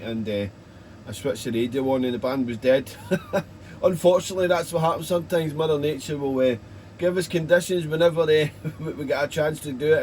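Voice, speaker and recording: A British man with a slightly high voice works as a radio operator on air. He rambles chattily in casual operator jargon, with faint noise behind him. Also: a little mellow.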